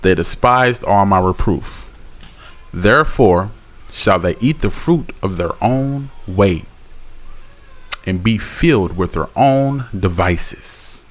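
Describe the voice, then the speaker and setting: A man's voice: lowish voice, lively intonation. Blunt, fired-up street preacher man. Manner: slow measured reading, then fired-up exhortation; blunt, scolding, slangy. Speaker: street Bible teacher. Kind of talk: scripture reading with preaching commentary.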